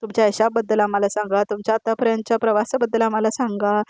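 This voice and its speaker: A woman's voice: on the high side, flat delivery, quick pace, darkish tone, no room sound, close to an everyday voice. A woman voicing a cheerful young wife in a serial recap, speaking in a persuasive, upbeat way. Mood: reassuring.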